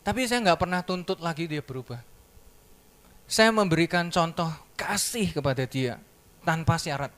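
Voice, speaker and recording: High bright-voiced man preaching. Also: moderate pace. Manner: lively storytelling, acts out quoted dialogue. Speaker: church speaker giving a testimony. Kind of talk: sermon testimony. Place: church service.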